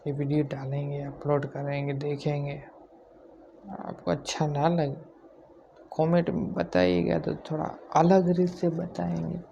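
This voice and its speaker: Soft-spoken man, flat delivery. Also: on the high side, measured pace, gravelly, dull audio, slight background noise. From Gujarat, India. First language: Gujarati. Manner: speaks quietly on purpose, self-deprecating. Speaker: YouTuber. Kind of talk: casual vlog talk to camera.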